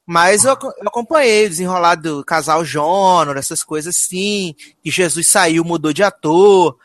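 A man's voice: on the high side, moderate pace, a bit bright, no room sound. A Brazilian man hosting a casual chat about TV series in a campy, gossipy way with dramatic slangy exclamations. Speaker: podcast host.

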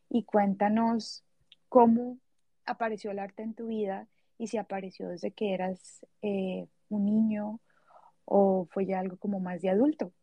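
A woman's voice: medium pitch, dark tone, dry recording, dull audio. A woman hosting a podcast, reading a guest introduction and asking friendly questions. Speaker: podcast host. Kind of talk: interview hosting.

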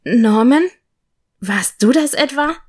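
A woman voicing an excitable, warm-hearted young witch in a storybook, speaking brightly and eagerly. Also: on the high side, normal speed, natural voice. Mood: amazed.

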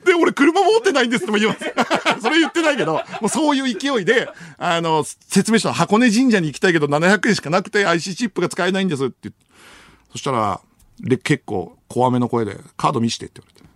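A man's voice: high-pitched, big pitch swings, fast talker, a bit bright, no echo, clean studio sound. A man hosting a late-night radio show, telling a long story with sound effects and bursts of laughter. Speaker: radio host. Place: radio studio. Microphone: studio microphone.

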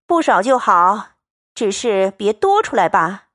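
A woman's voice: medium pitch, sing-song, a little slow, fairly bright tone, no echo, studio quality. A woman doing a sarcastic, domineering noblewoman. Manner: sarcastic, commanding. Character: shrewd domineering young noblewoman, coldly mocking.

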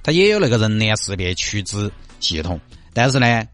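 A man's voice: lowish voice, very animated, moderate pace, a bit bright, faint music behind. A man with a Sichuan accent hosts a radio show, giving casual, colloquial commentary on the news and chatting directly to listeners. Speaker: radio host.

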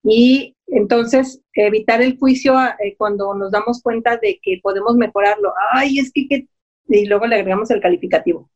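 A woman's voice: mid-range voice, steady tone, moderate pace, a little mellow. A woman coach giving an earnest, encouraging talk that speaks straight to the listener. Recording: dull lo-fi audio.

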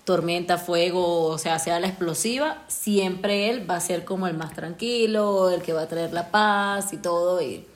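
A woman in her forties with a Mexican accent, a mother co-hosting a casual family podcast, talking in an animated, expressive way. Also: on the low side, unhurried, hardly any pauses. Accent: Mexican Spanish.

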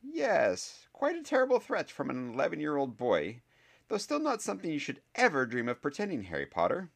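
A man's voice: a little high, huge pitch swings, brisk, vocal fry, voice pushed up, exaggerated voice. A man voicing a stern, dumpy older woman professor who speaks in an icy, clipped, skeptical way.

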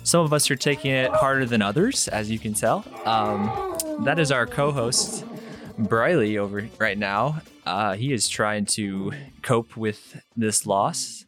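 A man's voice: medium pitch, unhurried, music in the background. A man hosting a casual sports podcast, often laughing as he talks. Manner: laughs often, amused, loose delivery. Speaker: podcast host.

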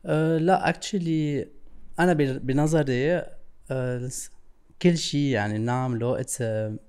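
A man with a Lebanese Levantine accent talks in a mid-pitched voice. His delivery is casual and halting as he searches for words, often switching between Arabic and English. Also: a little mellow, smooth. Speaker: interview guest, creative stylist.

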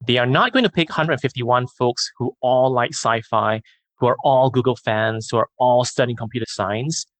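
A man co-hosting a casual podcast, explaining things in a steady, thoughtful way. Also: medium pitch, moderate pace, no echo, low-quality recording. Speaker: podcast co-host.

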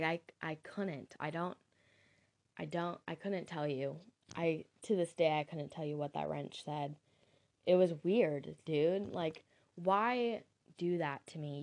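A woman's voice: lowish voice, darkish tone. A young woman telling a candid, casual story about her school days, swearing now and then and laughing at herself.

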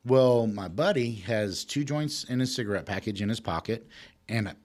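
Guy in his middle years, low voice, rambling and swearing thru a story. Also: normal speed. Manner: rambling, profane, animated storyteller. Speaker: podcast guest. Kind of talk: casual storytelling.

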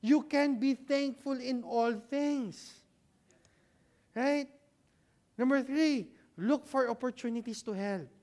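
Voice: high voice, takes it slowly, pauses often, darkish tone. A preacher giving a conversational sermon in a church hall, posing questions and answering them, checking in with the congregation and adding humorous asides. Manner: rhetorical, asks and answers own questions with frequent "right?".

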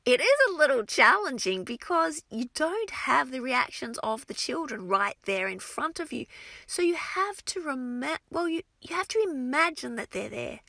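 A woman French teacher gives casual advice to fellow teachers, her high, bright voice full of energy. She often stops and restarts her sentences. There is a gravelly edge to her voice, and the sound is dry and close. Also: normal speed, dry recording. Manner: expressive and energetic, with frequent restarts. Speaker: French teacher for young children.

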